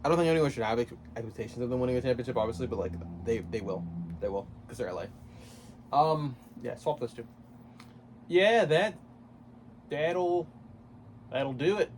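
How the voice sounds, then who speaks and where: A man's voice: mid-range voice, fast, a little mellow, slight background noise. A man vlogging about basketball, rambling casually, swearing and correcting himself as he goes. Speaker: basketball YouTuber. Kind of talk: casual sports commentary vlog.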